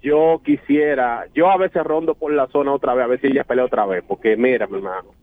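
A man's voice: mid-range voice, a little fast, no echo. Dominican man telling a story on a tinny phone line. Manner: streetwise, slangy, swaggering storyteller. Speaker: Uber driver calling in. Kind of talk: telling an anecdote on a radio show.

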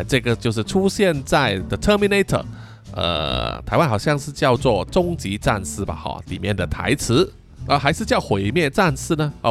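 A middle-aged man hosts a podcast in a casual, chatty style, reading out listener comments and answering them, often ending sentences with particles. His voice is on the high side and fairly bright.

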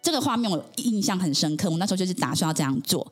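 A woman's voice: on the low side, lively intonation, rapid-fire, soft background music. A woman, a podcast guest earnestly telling her personal story in conversation, with frequent affirming interjections.

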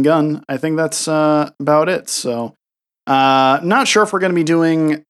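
Man, podcast co-host, slightly high voice, laid-back chatty delivery. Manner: easygoing, filler-heavy. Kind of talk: casual gaming podcast chat.

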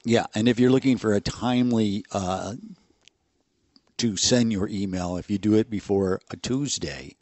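Laid-back middle-aged male co-host, lowish voice, dry room. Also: normal speed, darkish tone, no echo. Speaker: podcast co-host. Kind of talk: casual chat.

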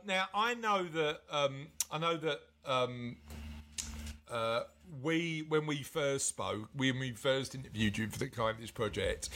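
A middle-aged English-accented man hosts in a casual, conversational way. His voice sits a little higher than most men's. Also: fairly bright tone. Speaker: podcast host. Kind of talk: casual presenting and chat.

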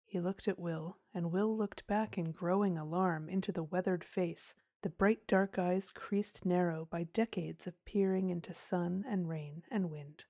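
A woman narrates a storybook in a measured, expressive way. Her voice is low and mellow, and the recording is close and dry with no room sound. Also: dry recording. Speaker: audiobook narrator.

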